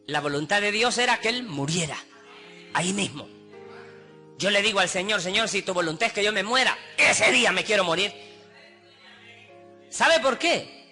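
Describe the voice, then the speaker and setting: A passionate Honduran preacher with a very high, piercing, bright voice. He drives his sermon forward and repeats pleading phrases to act them out. Faint music plays softly under his voice. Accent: Honduran Spanish. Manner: impassioned preaching, acts out pleading voices with repetition. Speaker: pastor.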